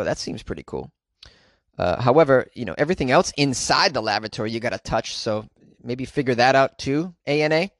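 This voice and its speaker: A man's voice: fairly high pitch, no echo, clean studio sound. A male comedian hosting a podcast from inside a closet, riffing on odd news in a wry, rambling, over-caffeinated way. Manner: wry, rambling, self-described overly caffeinated. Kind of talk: jokey solo news commentary.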